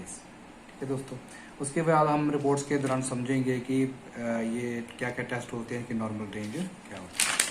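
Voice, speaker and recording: A man's voice: medium pitch, a little hiss or hum. A man explaining medical lab tests step by step in an informal lecture, often addressing listeners as friends. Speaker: medical educator. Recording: echoey room with faint ambience.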